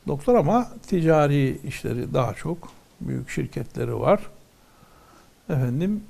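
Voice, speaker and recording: A man's voice: fairly high pitch, sing-song, moderate pace, vocal fry, darkish tone. A man teaching from a religious text, reading ornate old wording aloud and then explaining each phrase in plain words.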